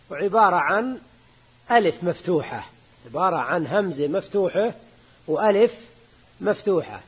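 A sheikh teaching a grammar lesson, his voice sitting fairly high for a man with a husky edge to it. He works through the text patiently, repeating key words slowly and tossing quick questions to his students. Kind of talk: classroom lecture explaining a grammar text.

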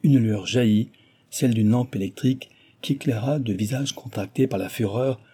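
A man narrating an audiobook with a dark, mellow, slightly husky voice. He reads in a measured, literary storytelling manner. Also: medium pitch. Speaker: audiobook reader. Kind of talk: scripted narration.

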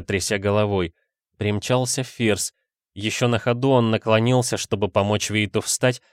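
A man narrating an adventure audiobook in steady storytelling. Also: fairly low pitch, no echo, studio quality. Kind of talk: scripted narration.

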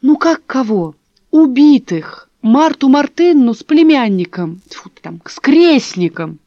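A woman's voice: high voice, big pitch swings, normal speed, warm tone, no room sound, pitched above the performer's own voice. A woman voicing an impatient young woman who keeps pressing with questions, on a dull, dry recording. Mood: insistent. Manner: probing, insistent.

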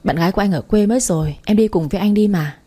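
Woman voicing a protective young man, gentle teasing manner, husky tone, mellow, read-aloud story. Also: mid-range voice, quick pace, lightly acted.

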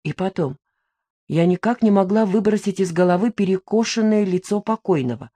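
A woman reading a first-person detective story aloud in a wry, lively way. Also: mid-range voice, normal speed. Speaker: audiobook narrator. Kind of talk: first-person audiobook narration.

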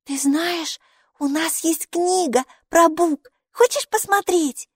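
Woman doing a little girl of six, high and bright, eager, questioning, lively audiobook character voice, dry sound. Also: slow pace, no room sound. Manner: eager, excited, full of questions. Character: cheerful chatty six-year-old girl.

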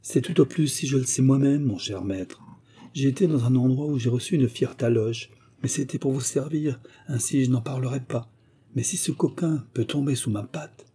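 A man's voice: mid-range voice, moderate pace, husky, natural voice. A man reading the part of a chatty male servant who tells his tale in long, rambling detail, for an audiobook. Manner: long-winded, excitable storytelling.

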